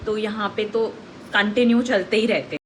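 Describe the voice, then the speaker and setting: A young woman vlogging casually to the camera, chatty and exasperated, sometimes speeding up in quick bursts. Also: mid-range voice. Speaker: family vlogger. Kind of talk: casual talk to the camera, explaining her clips. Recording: noisy recording with steady background noise.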